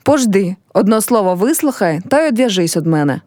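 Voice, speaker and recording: A woman's voice: medium pitch, very animated, fairly quick, darkish tone, dry recording, studio quality, close to an everyday voice. A woman reading a play aloud and voicing a teasing, scheming young village man. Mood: urgent.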